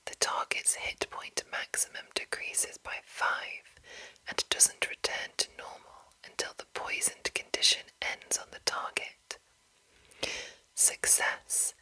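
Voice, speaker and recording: An ASMR channel host whispers her way through a game manual in a breathy, unvoiced voice, deliberate and pausing between short phrases. The tone comes across bright and forceful, and the audio quality is poor.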